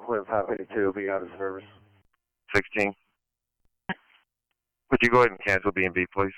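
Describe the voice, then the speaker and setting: A man's voice: deep voice, steady tone, fairly quick, bright, forceful tone, clear, resonant tone, no room sound, poor audio. A male police officer making clipped unit calls over a police radio. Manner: spells out plates with phonetic names and single digits.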